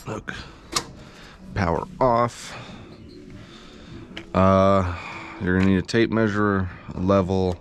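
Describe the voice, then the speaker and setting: Deep gravelly-voiced man, slow and subdued. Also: fairly even intonation, a little hiss or hum. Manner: subdued, low-energy, thinking aloud. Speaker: pinsetter mechanic. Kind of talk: casual how-to tutorial. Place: bowling alley machine pit.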